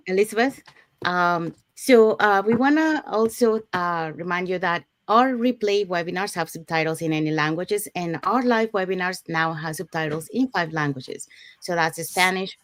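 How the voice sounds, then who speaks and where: A woman's voice: fairly low pitch, a bit bright, no echo. A woman from Panama hosting an online panel over a video call, announcing schedules and introducing guests. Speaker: host.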